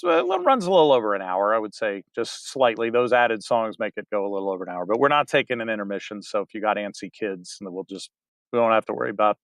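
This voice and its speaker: A theater director, appearing as a guest in a casual interview, rambles through his answers, full of fillers and restarts. His voice is medium-pitched and slightly bright, with no echo.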